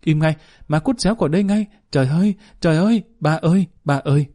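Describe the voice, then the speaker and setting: A young daughter, as a male reader puts her on, crying out in raw, sobbing outbursts. Her voice rides higher than the storyteller's own, still mellow in tone. She sounds fully overwhelmed. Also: fast, no echo, clean studio sound, lightly acted. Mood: anguished shouting.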